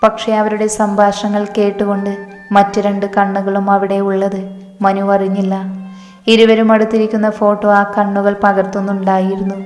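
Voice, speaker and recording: A woman narrating a story in a steady, level voice that barely rises or falls. The reading rings with room echo and a long reverb tail. Soft music plays underneath. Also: mid-range voice, moderate pace. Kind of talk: scripted narration.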